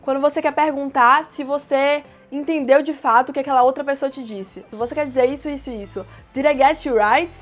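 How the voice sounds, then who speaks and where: A woman teaching everyday English phrases, explaining plainly and repeating each phrase slowly. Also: sits high, fairly even intonation, soft background music. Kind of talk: casual language lesson.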